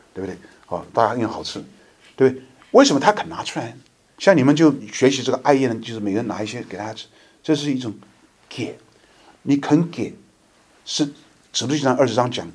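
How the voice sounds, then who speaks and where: A man preaching a conversational sermon to his congregation, slowing down to read scripture aloud. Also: mid-range voice, slightly rough. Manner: conversational, reads scripture slowly and deliberately. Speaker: lay preacher.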